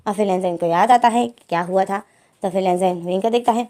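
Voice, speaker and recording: A woman's voice: mid-range voice, a little fast, dark tone. A woman reading fanfiction as casual storytelling, rambling with restarts. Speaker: fanfiction reader.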